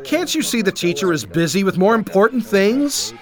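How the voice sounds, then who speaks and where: A man's voice: high-pitched, sing-song, normal speed, voice pushed up. Guy doing cranky grouchy men barking out, raised voice, storybook. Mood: annoyed. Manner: loud, dismissive. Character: grumpy scowling grown men, impatient.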